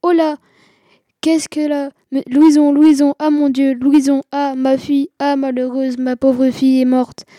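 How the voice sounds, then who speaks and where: A woman voicing an elderly male actor playing a father, wailing loud laments over his daughter in a storybook reading. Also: high voice, little pitch movement, measured pace, dry recording, studio quality, pitched above the performer's own voice. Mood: distraught.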